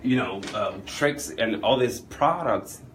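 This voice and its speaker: Animated man giving a makeup lesson. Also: lowish voice, takes it slowly, a little hiss or hum. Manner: animated, chatty, asks the viewer questions. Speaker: makeup artist. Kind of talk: on-camera makeup demonstration.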